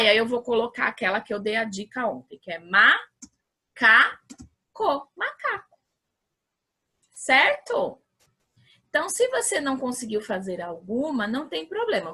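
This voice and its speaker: A Brazilian woman teaching young children, her raised voice swinging up and down with lively energy. The tone is bright with a slight huskiness, and she drags words out slowly, syllable by syllable. She keeps checking in with the class in a patient, encouraging way. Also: fairly high pitch, husky. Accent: Brazilian Portuguese. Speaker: primary school teacher. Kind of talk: remote lesson for young children.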